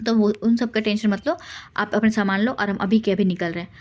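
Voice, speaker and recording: A woman voicing a proud young male business heir who gives firm, brisk orders in a storytelling retelling. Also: medium pitch, fairly even intonation, highs cut off, natural voice.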